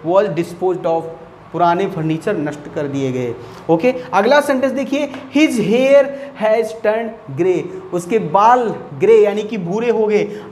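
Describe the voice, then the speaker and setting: A man with a high voice teaches grammar in an Indian accent and says each rule several times. He reads English example sentences slowly and clearly. The recording has an echoey room with a faint hiss behind it. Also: a little mellow. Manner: explains slowly, repeating rules, reads English examples aloud slowly. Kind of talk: Hindi-medium grammar lesson.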